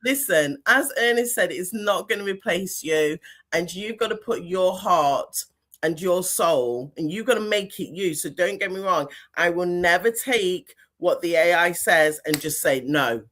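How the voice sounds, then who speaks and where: Animated woman hosting a video-call chat. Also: lowish voice, measured pace. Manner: animated, laughs often. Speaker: podcast host. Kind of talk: casual interview chat.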